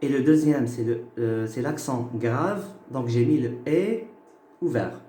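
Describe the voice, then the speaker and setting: A man's voice: mid-range voice, mellow, slight background noise. A man teaching a phonetics lesson, explaining patiently and checking that listeners follow. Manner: slow, patient, checks in with "ok?" and "d'accord?". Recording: echoey room.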